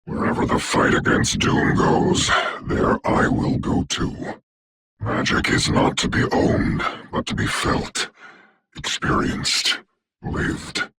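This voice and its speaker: A man voicing a proud, grave sorcerer doctor in a video game, speaking formally and theatrically in a rough, whispery voice. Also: slow, a bit bright, slight background noise. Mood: grave, solemn. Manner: grandiose, formal, archaic, solemn delivery. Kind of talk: theatrical game character voice lines.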